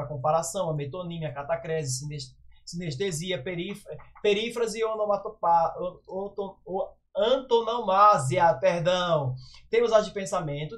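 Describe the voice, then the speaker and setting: A man from Brazil running an exam review lesson over slides, brisk and checking in with the viewer again and again. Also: high-pitched. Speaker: exam prep teacher.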